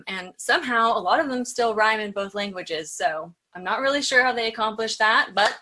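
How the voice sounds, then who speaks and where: Bright, chatty woman hosting a bird show. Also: fairly high pitch, moderate pace. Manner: chatty, with fillers and light asides. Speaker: show host. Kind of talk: casual educational talk.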